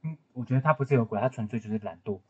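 Fast-talking raspy man, lo-fi sound. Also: mid-range voice. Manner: teasing, quick interjections. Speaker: podcast co-host. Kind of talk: casual chat. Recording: dull lo-fi podcast audio.

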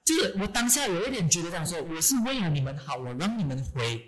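A woman, co-hosting a podcast and telling a story in a rapid, venting way, often asking "you know?". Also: lowish voice, sing-song. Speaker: podcast co-host. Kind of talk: casual chat.

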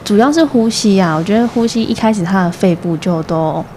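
A woman's voice: medium pitch, slight background noise. A woman, a mother telling her baby's story in casual conversation and acting out what the doctor said. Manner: animated storytelling, acts out the doctor's slow replies. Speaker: guest, mother of a premature baby.

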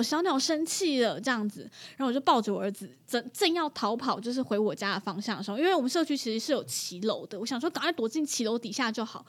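Animated woman telling a story. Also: a little high, breathy edge. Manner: animated, laughs often, acts out her own reactions. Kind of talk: casual storytelling chat.

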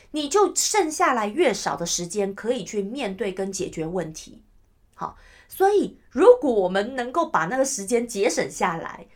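A woman hosting her own podcast, talking casually and chattily to listeners and often asking "you know?". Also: medium pitch. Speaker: podcast host. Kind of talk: casual solo podcast talk.

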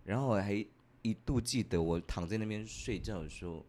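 A man's voice: fairly low pitch, brisk, darkish tone. A man from Taiwan, telling a comic story on a podcast and laughing often. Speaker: podcast co-host. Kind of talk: casual chat, comic storytelling.

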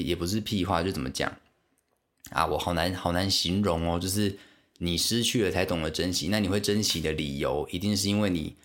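A young man speaking Mandarin with a Taiwanese accent, his voice sitting very low. He tells stories in a loose, rambling way, restarting sentences and turning to the listener with asides, like a casual solo podcast host.

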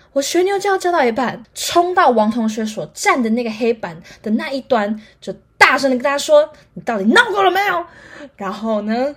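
Young woman, Taiwanese Mandarin accent, breathy husky voice, chatty solo podcast storytelling. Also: mid-range voice. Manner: lively storyteller who acts out other people's lines; chatty, full of fillers like 就是 and 然后. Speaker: podcast host.

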